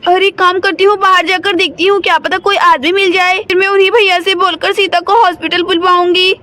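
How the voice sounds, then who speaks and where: A woman's voice: very high-pitched, little pitch movement, brisk, bright, forceful tone, no echo. A woman voicing a caring young mother doll who frets and keeps asking what she should do, in a doll play story. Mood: anxious.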